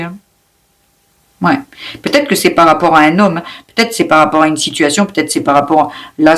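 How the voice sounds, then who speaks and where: A woman giving an unscripted spiritual oracle card reading. She talks fast, with many restarts and repeated words, in a calm, coaching tone. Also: deep voice. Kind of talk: spontaneous spiritual guidance reading.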